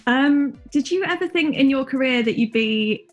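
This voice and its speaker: A woman's voice: high-pitched, expressive, moderate pace, dull audio. A woman interviewer asking questions in a casual, chatty and encouraging way. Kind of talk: casual film press interview.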